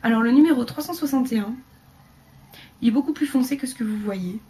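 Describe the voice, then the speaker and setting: A beauty vlogger chats casually through a haul video, rambling with fillers and slipping into quiet asides. Her voice is a little high and fairly quick.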